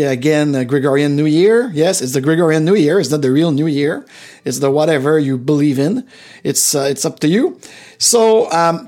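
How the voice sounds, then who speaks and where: Male livestream host, slightly high pitch, loose unscripted monologue with emphatic repetition. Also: a little mellow. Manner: rambling, repeats phrases for emphasis. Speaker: podcast host and coach.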